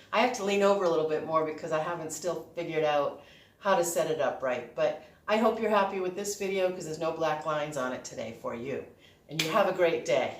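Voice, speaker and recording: Casting: woman, Boston accent, lowish voice, chatty rambling home-cook host, recorded in an echoey room. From Boston, United States. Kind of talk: casual cooking vlog chat. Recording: echoey room, distant microphone.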